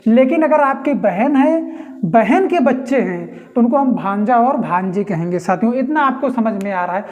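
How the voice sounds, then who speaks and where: High-voiced woman teaching a lesson. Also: animated, a little mellow. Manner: explains slowly with rhetorical questions and repetition. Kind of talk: exam-prep reasoning lesson.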